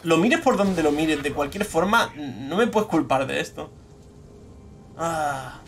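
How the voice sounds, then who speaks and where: Excitable young Spaniard ranting over gameplay. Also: male voice, fairly high pitch, measured pace, slight background noise. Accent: Spain Spanish. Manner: excitable, swears, frustrated rants at teammates. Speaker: gaming streamer. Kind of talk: live gameplay commentary.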